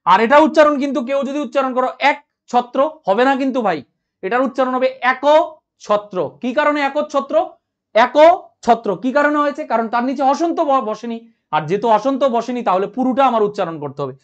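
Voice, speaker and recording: High-voiced man teaching a live class. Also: fast, dull audio. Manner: reads out and answers viewer comments, repeats points, asks if clear. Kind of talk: live online grammar class.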